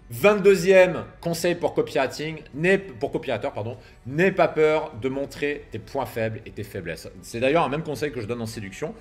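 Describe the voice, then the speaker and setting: A man gives business advice outdoors at sunset, filming himself as he talks. His delivery is punchy and emphatic, with slang and a few swear words thrown in. Soft music plays quietly behind him. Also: on the high side, lively intonation, normal speed. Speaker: business coach for copywriters. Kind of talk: casual advice monologue to camera. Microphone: camera filming himself.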